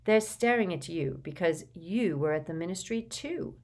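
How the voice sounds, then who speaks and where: A woman's voice: on the low side, expressive, moderate pace, a little mellow, close to an everyday voice. A woman voicing a blunt, plain-spoken teenage boy wizard. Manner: short, plain.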